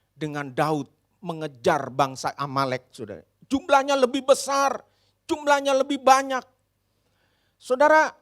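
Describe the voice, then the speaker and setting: A male pastor from Indonesia delivers a sermon with animated, dramatic swings. His voice is high and bright. He keeps turning to address the congregation directly.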